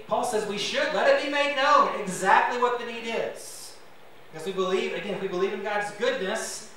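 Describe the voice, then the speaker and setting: A man's voice: sits high, sharp tone, very echoey, far from the mic, a little hiss or hum, rough recording. A man preaching a sermon to his congregation as pastor, conversational and self-deprecating, with asides to the listeners. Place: church sanctuary.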